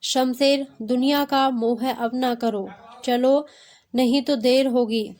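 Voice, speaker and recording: A woman's voice: high voice, steady tone, slow pace, a little mellow. A woman reading the lines of a stern, fatherly army colonel in a storybook tale.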